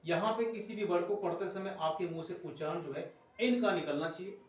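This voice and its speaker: A man teaching a phonics lesson to children, spelling words out letter by letter and then sounding them, in a slow, repetitive drilling manner. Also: sits high, heavy reverb, recorded from a distance.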